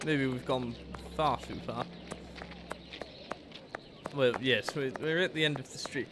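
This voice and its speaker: A man's voice: medium pitch, a little slow, noisy background. A man with a British accent giving casual, exclamatory gameplay commentary with mock-outraged asides. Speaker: game streamer.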